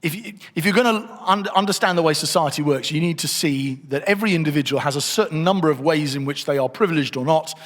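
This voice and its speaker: In a church hall with long, echoing reverb, a middle-aged man talks through his slides during a conversational teaching session, thinking aloud. His pitch is fairly high and a bit bright, and he speaks quickly with hardly any pauses.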